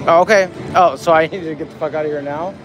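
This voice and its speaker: Over poor audio, a man with a slightly high, steady voice talks at a quick pace while streaming himself gambling on slots. His banter is casual, profane, and teasing, set against the loud music and machine noise of a busy casino floor.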